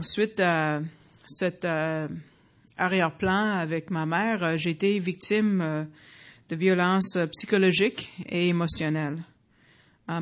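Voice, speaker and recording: A woman in her fifties from the United States giving a personal faith testimony to an audience, earnest and halting, with frequent fillers and restarts. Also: fairly low pitch. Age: 50s.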